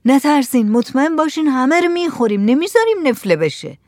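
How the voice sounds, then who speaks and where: A woman voicing a calm village man who reassures the others. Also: high voice, no echo, studio quality, pitched above the performer's own voice. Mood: reassuring. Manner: soothing, reassuring.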